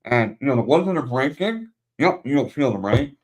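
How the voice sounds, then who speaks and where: A man's voice: medium pitch, expressive, fairly quick, rough recording. A middle-aged man hosting a podcast, chatting casually and drawing lessons from shared stories. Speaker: podcast host. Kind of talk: casual interview conversation.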